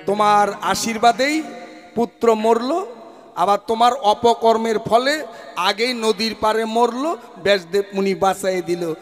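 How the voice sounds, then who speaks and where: A man's voice: sits high, unhurried, long reverb tail, faint music behind. A man with a performing a stage folk verse debate, declaiming in rhyme and breaking into song. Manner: declamatory, rhyming, slipping into song.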